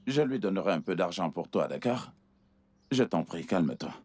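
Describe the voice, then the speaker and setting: A man's voice: deep voice, animated, normal speed, a little mellow. A man dubbing a wealthy benefactor who coaxes and reassures a crying girl. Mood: coaxing. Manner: coaxing, reassuring. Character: wealthy older man, smooth-talking benefactor. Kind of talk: French dub of a film.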